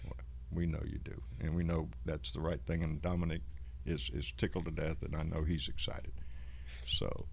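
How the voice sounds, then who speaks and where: A man's voice: extremely low pitch, little pitch movement, normal speed, vocal fry, darkish tone, slight background noise. A man with a Southern US accent and a folksy drawl, hosting a casual livestream chat with salty language. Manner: salty, profane. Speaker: host of a live online show.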